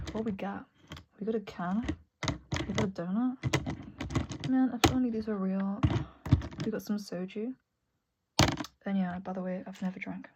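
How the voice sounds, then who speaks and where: A young woman talking candidly to camera at her desk, soft and halting, often dropping to a whisper. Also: medium pitch, very noisy. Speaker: vlogger. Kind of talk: candid personal talk to camera. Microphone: earbud mic.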